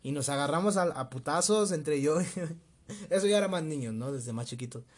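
A man's voice: on the high side, moderate pace. Slangy young man from Mexico City. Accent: Mexico City Spanish. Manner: slangy, laughing, animated retelling with quoted voices. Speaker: vlogger. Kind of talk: casual storytelling.

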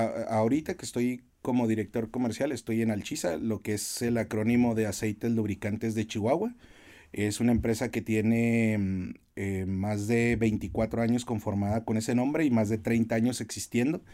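A man's voice: on the low side, fairly even intonation, moderate pace, mellow. A Mexican man in his forties, a podcast guest telling anecdotes with frequent fillers and restarts. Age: 40s. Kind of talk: casual podcast interview.

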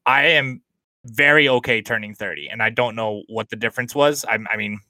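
A man's voice: mid-range voice, sharp tone, no echo. A man of thirty hosting a casual podcast chat with his brother over a laptop call, upbeat and joking. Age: 30s. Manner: upbeat, joking, quick asides. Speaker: podcast host. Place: small apartment at home. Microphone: remote call from a laptop.

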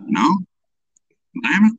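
A man's voice: high-pitched, sing-song, takes it slowly, a crowd in the background. A man chatting casually as a podcast guest, heard through a thin, tinny phone speakerphone. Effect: tinny, thin speakerphone sound. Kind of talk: casual chat over the phone.

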